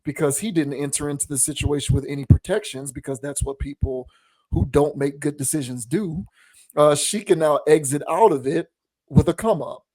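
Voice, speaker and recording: Measured male podcast host, dry sound. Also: on the high side, a little mellow, no room sound. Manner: measured, deliberate, preachy. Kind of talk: opinion commentary.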